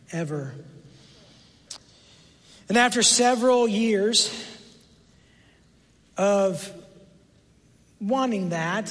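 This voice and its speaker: A man in his thirties preaching a sermon, telling a story with animated delivery and briefly acting out the voices in it. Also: sits high, in a large hall. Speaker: pastor.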